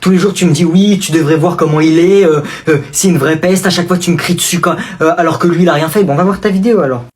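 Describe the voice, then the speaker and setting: A man's voice: a little high, fast, hardly any pauses, lightly acted. A man voicing a fed-up aunt who lectures and scolds in a comedy sketch. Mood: scolding. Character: stern, fed-up aunt and mother.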